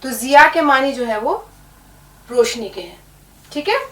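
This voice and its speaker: A woman's voice: high-pitched, a little slow, a bit bright. A woman teaching an Urdu lesson, patiently spelling words out letter by letter. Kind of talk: language lesson. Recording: echoey room, distant mic.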